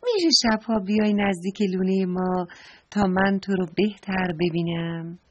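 A woman's voice: medium pitch, dull audio, lightly acted. A woman voicing a sweet little rabbit. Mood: gentle. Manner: gentle, polite, pleading. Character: sweet little young rabbit, kind and eager.

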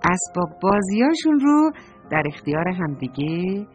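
A woman's voice: on the low side, faint music behind. Woman telling a children's story. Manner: warm and animated, addresses the children directly. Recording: dull lo-fi recording.

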